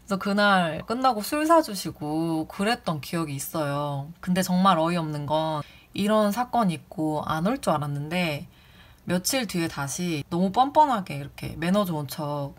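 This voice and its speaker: A woman's voice: on the low side, lively intonation, moderate pace. A woman who used to work as a community office clerk tells a story about a rude visitor in a casual way. She sounds indignant and acts out the people she quotes in raised voices.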